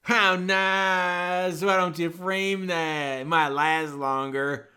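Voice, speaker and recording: A man's voice: high voice, steady tone, takes it slowly, pushed and bright, smooth, heavily acted. A man voicing a folksy know-it-all male sidekick who drawls in loose, ungrammatical phrasing in comedic banter. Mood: smug.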